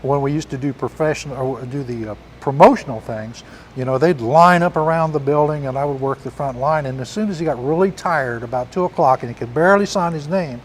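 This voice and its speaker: A man's voice: mid-range voice, fairly quick, rough recording. A man chatting casually as a guest, telling folksy stories and acting out the exchanges he quotes. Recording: faint background noise.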